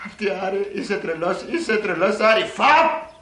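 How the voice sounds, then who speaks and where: Brief: shrill coquettish widow , man in raised voice, roomy. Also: sing-song, bright, forceful tone, slight background noise, full character voice. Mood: coy alarm. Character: squealing, flirty middle-aged widow, scandalized.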